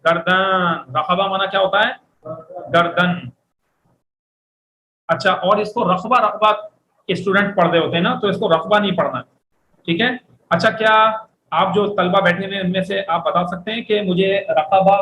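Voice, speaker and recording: A man's voice: sits high, fairly even intonation, moderate pace, pushed and bright. A man teaching Arabic vocabulary in a classroom lecture. He drills words and has his students repeat them after him. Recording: echoey room, faint background noise.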